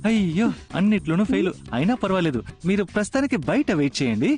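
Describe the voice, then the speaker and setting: A man's voice: high-pitched, sing-song, quick pace, a little mellow. A man dubbing a flirty, comic assistant handling candidates, music underneath. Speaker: assistant at interviews. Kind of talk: Telugu film dub dialogue.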